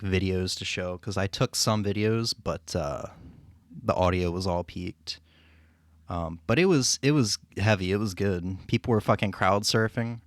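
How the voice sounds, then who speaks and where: Casting: male streamer, lowish voice, loose hesitant rambling chat, close dry mic. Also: no echo. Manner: rambling, hesitant, profanity-laced. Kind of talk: casual chat to a stream audience.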